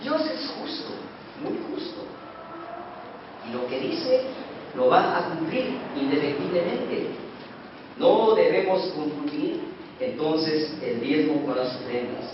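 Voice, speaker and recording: A high-voiced man preaches a sermon, pressing his points loudly and then sinking to hushed tones. The recording comes from a distance in a very echoey church hall. The sound is dull and carries a steady hiss of noise. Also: slow pace, long pauses. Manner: emphatic preaching, swings from loud to hushed. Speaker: pastor.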